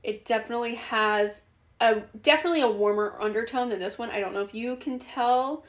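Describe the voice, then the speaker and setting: A woman's voice: fairly high pitch, brisk. A woman giving a casual, chatty lipstick review, with fillers and restarts, her voice a bit worn. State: losing her voice. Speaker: beauty vlogger.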